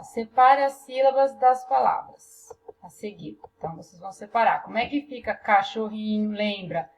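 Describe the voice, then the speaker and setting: A woman with a gravelly mid-range voice and a Brazilian Portuguese accent leads a class through a workbook. She patiently explains each step and keeps checking in with her students using "tá?".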